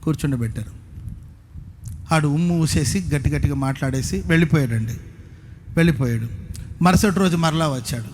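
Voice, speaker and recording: A male pastor preaching a fervent sermon, urging the crowd to shout amen and acting out the people in his stories. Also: on the high side, brisk, long pauses, slight background noise. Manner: fervent preaching, calls for loud amens, acts out quoted speakers. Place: large convention hall. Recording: long reverb of a large hall.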